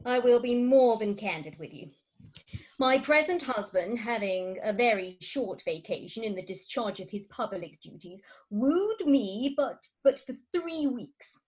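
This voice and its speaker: Playing a coaxing, imperious thirty-six-year-old Victorian English wife full of pride in a comic farce, a woman speaks at a measured pace in a slightly high, expressive voice. The mood is earnest and coaxing, the delivery theatrical, emphatic and grandly articulate, and the slightly dull audio comes from a remote home recording over a video call.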